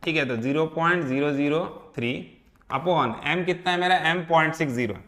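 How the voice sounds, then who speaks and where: A man's voice: on the high side, brisk, a bit bright. A male teacher working through a physics problem step by step, checking in often with his students. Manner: repeats and checks in with "है ना" and "ठीक है". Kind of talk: step-by-step problem solving lesson.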